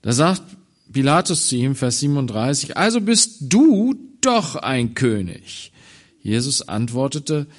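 A man preaching a sermon on a Bible passage, swinging from loud emphatic phrases to quiet low ones. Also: very animated. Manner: slow, deliberate delivery.

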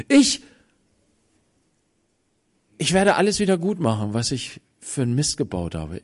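A male preacher voicing an excited, repentant rich male tax collector who eagerly stumbles over his words while retelling a story in a sermon. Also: mid-range voice, lightly acted.

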